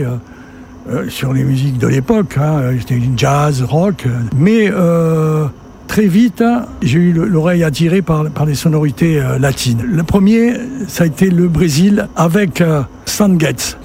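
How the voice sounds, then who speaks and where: An older man in his 60s or beyond, a festival director from Sète in southern France, tells his story conversationally in an interview, rambling and repeating words. His voice is fairly high and mellow, with a little hiss or hum.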